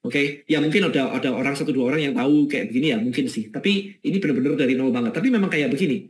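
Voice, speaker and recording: A middle-aged man teaching a marketing webinar in a lively, conversational way, checking in with his listeners often. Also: medium pitch, fast talker, echoey room. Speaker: webinar speaker.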